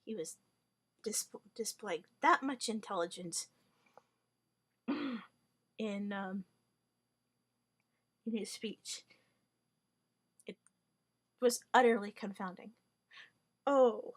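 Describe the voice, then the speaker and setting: Speaking slowly with long pauses, a woman with a mid-range voice delivers a wry, rambling monologue. Hungarian is her first language, and her talk is hesitant, packed with fillers, restarts and mock-formal phrasing.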